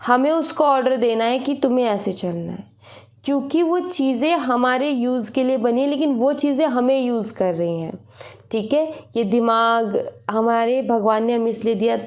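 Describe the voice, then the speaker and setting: A young woman with a fairly high voice gives a casual tarot reading. She talks in an instructive, advising way, repeats her points for emphasis and drops English words in as she goes. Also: darkish tone. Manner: repetitive, instructive, mixes English words into Hindi. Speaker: tarot reader.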